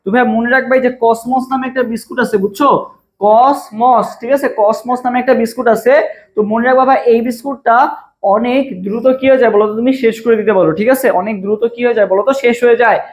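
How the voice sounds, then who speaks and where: A man's voice: very high voice, steady tone. A young man with a Bangladeshi Bengali accent teaching a live online admission-test class, repeating each question over and over and urging viewers to comment their answers. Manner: fast, repetitive, drills each question over and over. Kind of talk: live-streamed exam prep class.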